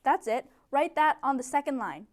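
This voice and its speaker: In a classroom, a young ESL tutor with a high voice leads a few students through English, her instructions clear and encouraging, her intonation lively, her pace moderate. The camera recording her sits at a distance.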